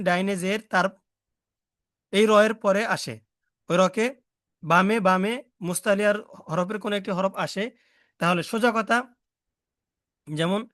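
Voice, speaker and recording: A man with a Bangladeshi accent teaching Quran reading rules, spelling out Arabic letters and vowel marks in slow, repetitive drills. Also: high voice, a bit bright, no room sound, studio quality.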